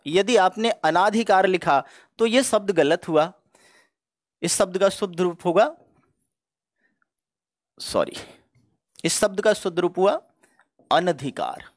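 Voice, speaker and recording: A man's voice: high voice, expressive, slow pace, long pauses, no room sound, studio quality. A man teaching Hindi spelling for exam preparation, going word by word in a methodical, explanatory way. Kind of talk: exam-prep spelling lesson.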